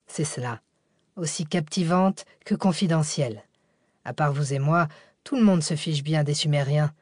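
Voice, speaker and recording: A learned male archaeologist holds forth in a measured, lecturing tone, as a woman reads him in an audiobook. The voice sits low and steady, recorded close and dry with no room around it. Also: no echo.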